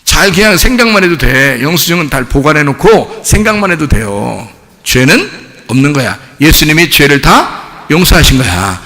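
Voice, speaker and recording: A man's voice: a little high, normal speed, long reverb tail. A male pastor preaching a sermon in a church, asking the congregation questions and acting out little scenes. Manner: lively preaching with acted-out dialogue and rhetorical questions. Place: church sanctuary.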